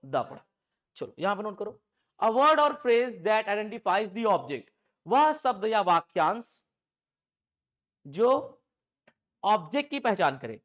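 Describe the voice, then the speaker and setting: A man teaches an English grammar class in a strikingly high voice. He quizzes the room and answers the questions himself. When he dictates, he slows right down and repeats each line for note-taking. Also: a bit bright. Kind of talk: classroom lecture.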